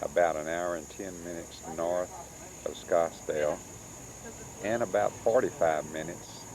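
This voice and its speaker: Low-voiced man on noisy old camcorder audio. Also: a little slow. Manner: chatty, travelogue-style commentary. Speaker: home video cameraman. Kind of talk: narrating a family home video. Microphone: camcorder's built-in mic. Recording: hissy old camcorder recording.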